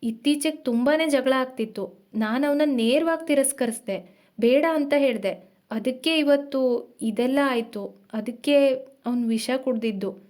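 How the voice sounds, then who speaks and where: Audio drama: tense young woman confessing in a hurried, strained rush, high and quick, as the reader puts her on. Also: darkish tone.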